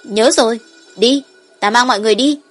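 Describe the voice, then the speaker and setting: A woman's voice: mid-range voice, a little fast, faint music behind, close to an everyday voice. A woman voicing an eager, friendly little boy dragon of seven or eight in an audiobook.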